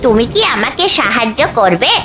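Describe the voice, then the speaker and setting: Lady voicing a hurt pleading cartoon bird, high voice, noisy track. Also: sing-song, moderate pace.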